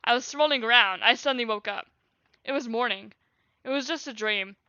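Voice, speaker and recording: A woman's voice: fairly high pitch, fairly quick, pushed and bright, dry recording, lo-fi sound. A young woman in her late teens, a streamer, reading her childhood journal aloud with laughing casual asides.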